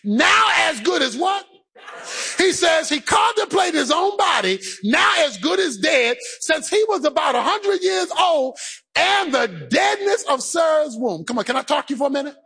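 Here a man preaches at a shout with a very high voice, big pitch swings, vocal fry and a bright, forceful tone, all at a moderate pace. He half-sings and calls out his rising phrases like a pastor, acting out the people he speaks of and the believer's inner voice.

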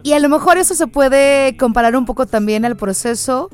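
A woman's voice: sits high, moderate pace, faint music behind. A woman hosting a radio show, upbeat and encouraging with her guest. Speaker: radio host. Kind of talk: casual radio interview.

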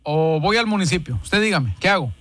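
A man's voice: a little high, expressive, a little fast, fairly bright tone, no room sound. A man with a Mexican accent hosting a radio prank call, pushing and teasing the person on the line with mock indignation. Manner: pushy, teasing, playfully indignant.

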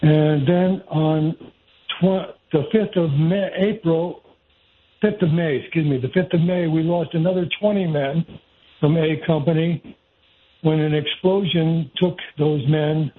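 A man in his seventies, a former military caller, speaking over a phone line and recounting dates and numbers in a measured, methodical way. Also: a little high, steady tone. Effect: heard over a phone line. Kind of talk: call-in radio talk.

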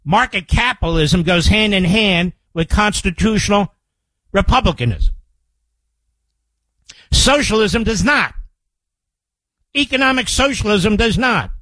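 Speaking from a radio studio into a close mic, this older American-accented political talk host is emphatic and combative, hammering home points by repeating phrases. He has a high, sharp, animated voice, talks a little slowly and pauses often, and the recording is dry with poor audio.

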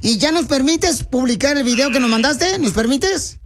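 A man's voice: extremely high pitch, lively intonation, normal speed, slight background noise. A man hosting a call-in radio show, brash and teasing, trading insults with a caller. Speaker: radio host.

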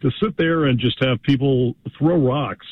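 Male American radio caller, earnest and halting, mid pitch, muffled phone sound. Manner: earnest, repeating words as he goes. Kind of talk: call-in radio. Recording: dull phone-line audio.

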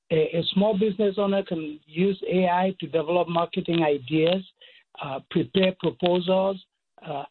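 A man with a Cameroonian accent, speaking as a guest expert in a measured way, listing points. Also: high voice, slight background noise. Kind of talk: phone-in interview. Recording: tinny phone line.

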